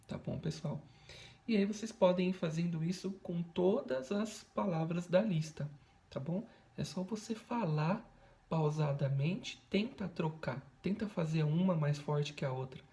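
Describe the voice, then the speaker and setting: A man's voice: fairly high pitch, vocal fry, warm tone. A Brazilian male teacher in a recorded video lesson, speaking patiently and checking in with frequent tag questions. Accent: Brazilian Portuguese.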